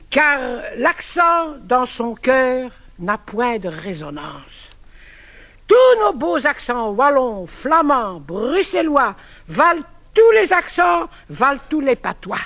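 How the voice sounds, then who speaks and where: A man's voice: extremely high pitch, sing-song, slow pace, pushed and bright. A man with a Brussels accent performing a comic sketch, proudly declaiming verse about his accent.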